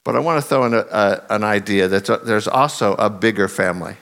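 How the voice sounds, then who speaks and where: Briskly, a middle-aged man preaches with earnest conviction, leaning heavily on key phrases. His voice is somewhat husky and lowered following loud singing.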